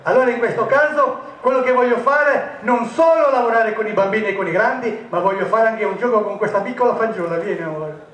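A man's voice: high-pitched, a little fast, hardly any pauses, fairly bright tone, a little hiss or hum. A man performing as a stage magician, giving jokey, teasing patter to volunteers in a live comic magic show. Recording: echoey, distant stage recording.

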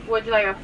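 A woman working a drive-through, taking an order in brisk, quick phrases through the speaker box. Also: fairly high pitch, fairly bright tone. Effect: heard through a drive-through speaker box. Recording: muffled, distant drive-through intercom with faint noise.

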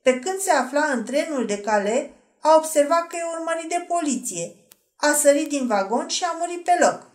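A woman voicing a smug, self-assured nobleman with a slightly hoarse voice in an audiobook, mocking and unhurried. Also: high voice, expressive. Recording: roomy echo.

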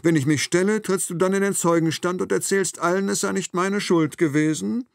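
A man's voice: high-pitched, fairly even intonation, fairly quick, gravelly, no echo, clean studio sound, voice pushed up. A man reading an audiobook, voicing a cold, mocking male killer who taunts his captive with sarcasm. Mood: taunting.

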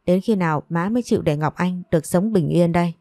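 A woman's voice: fairly low pitch, fast, warm tone, no room sound, clean studio sound, natural voice. A woman voicing an angry young man, the son of a rich house, talking in an indignant, pressing way.

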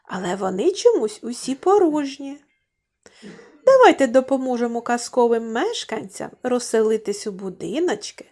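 This kindergarten teacher's voice is fairly high, very animated and a little mellow, moving at a moderate pace. She gives young children a slow, clearly enunciated lesson, drawing out words sing-song fashion and asking them questions.

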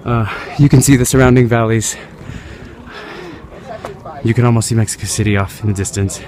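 A travel editor narrating a vlog outdoors at ancient ruins, chatty with many fillers, recording on a handheld camera. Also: male voice, lowish voice, steady tone, a little fast. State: out of breath while climbing. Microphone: handheld camera while climbing. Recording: outdoor crowd noise behind.

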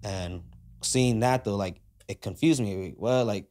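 A man's voice: lowish voice, unhurried, darkish tone. A young man from Southern California, a skateboarder guest, telling casual stories and acting out quoted dialogue with animation, talking into a podcast mic in a garage studio. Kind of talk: casual storytelling. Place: cluttered garage studio, indoors. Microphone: podcast mic on boom arm.

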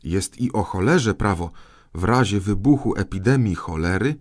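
A man's voice: lowish voice, lively intonation, moderate pace, a little mellow. Man playing a fussy old minister, pedantic, reciting laws, storybook. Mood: smug. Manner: fussy, reciting legal clauses.

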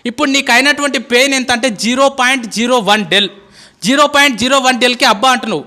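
Man, teacher, very high voice, fast pleading motivational speech. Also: bright, forceful tone. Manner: impassioned, pleading, calls listeners "boss". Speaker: school teacher.

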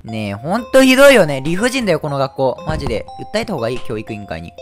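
A man with a hoarse, worn-out voice giving loud, excitable let's-play commentary as a game streamer, with frequent shouted reactions. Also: a little high, quick pace, over music. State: hoarse throat.

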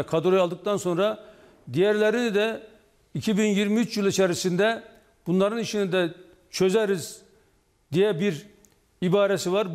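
A male trade union official in his sixties explains things as a guest in a live TV news interview, joining by video link from an indoor office or studio. His voice is high-pitched with a darkish tone, and his delivery is measured and stop-start. A long, reverberant hall-like echo colors the sound.

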